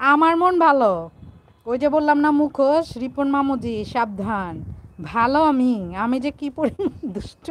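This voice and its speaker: A woman's voice: high-pitched, a little hiss or hum. A playful, teasing woman from Bangladesh hosting a casual live stream and reading out viewer comments.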